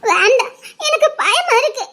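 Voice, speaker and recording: A woman's voice: very high voice, big pitch swings, normal speed, sharp tone, heavily acted. A woman voicing a frightened, childlike young woman with a Tirunelveli Tamil accent, tearful and stammering. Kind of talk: audio drama acting.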